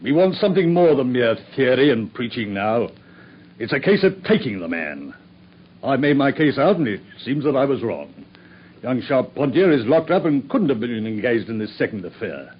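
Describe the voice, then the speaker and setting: A man's voice: mid-range voice, very animated, moderate pace, slightly rough. An actor playing a blunt, impatient male police inspector in a radio drama. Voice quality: blunt, forceful. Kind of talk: 1950s radio drama acting. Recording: dull old radio broadcast with faint hiss.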